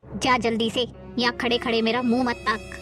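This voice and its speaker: A woman's voice: on the high side, level tone, moderate pace, a bit bright, faint music behind, lightly acted. A woman playing a harsh, domineering sister-in-law who barks orders and scolds. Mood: bossy. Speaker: performer in a family skit. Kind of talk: amateur family drama acting.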